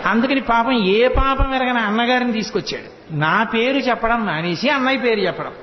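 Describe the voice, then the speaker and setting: A man giving a devotional storytelling discourse, explaining lively and acting out the characters. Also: extremely high pitch, a little fast. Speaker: religious discourse speaker. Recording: echoey hall, dull sound.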